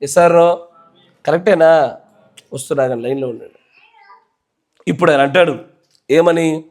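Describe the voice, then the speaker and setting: A man with a Telangana Telugu accent preaches from the pulpit, his voice sitting notably high for a man. He keeps quizzing the congregation, breaking up the sermon with questions and demands for a yes or a no. The talk is delivered in a church. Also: normal speed, darkish tone. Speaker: pastor.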